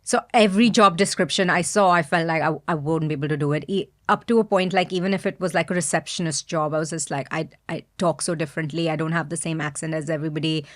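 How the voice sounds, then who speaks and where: This Indian-accented business founder talks fast with hardly any pauses, her voice sitting low and steady. Appearing as a podcast guest in a reflective interview, she's soft-spoken, frank, and thoughtful.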